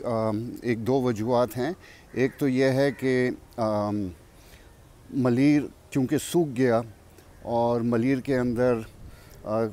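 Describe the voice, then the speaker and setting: An older man with a Pakistani accent, a farmer and vlog host, gives an informal explanatory tour of his farm while standing outdoors beside a well. His medium-pitched, warm voice is unhurried and reflective. The clear outdoor recording picks up birdsong and farm ambience.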